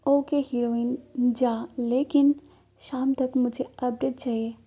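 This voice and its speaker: A woman's voice: high-pitched, flat delivery, slow pace, warm tone, breathy edge, exaggerated voice. A woman voicing a bubbly, dramatic young female best friend who teases a lot, in a storybook reading. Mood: teasing, excited. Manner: dramatic, teasing.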